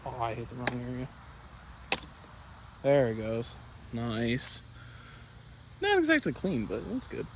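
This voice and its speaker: Talking to his viewers from a yard, this male vlogger keeps a medium pitch that swoops wildly, speaking at a measured pace with frequent pauses. His style is laid-back, slangy and rambling, and he calls the listener "dude." The outdoor audio clearly picks up insects and background sounds.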